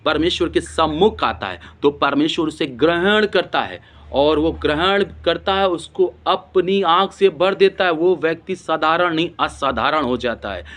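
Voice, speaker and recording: Fervent preacher man, slightly high voice. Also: expressive, a bit bright. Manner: breaks into rapid speaking in tongues; repeats and restarts phrases for emphasis. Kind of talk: Hindi sermon with Bible reading.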